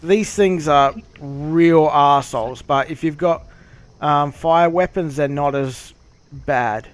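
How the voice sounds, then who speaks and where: A man streaming a game, chatting casually and explaining things with swearing and halting pauses. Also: on the high side. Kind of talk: casual gameplay commentary and chat.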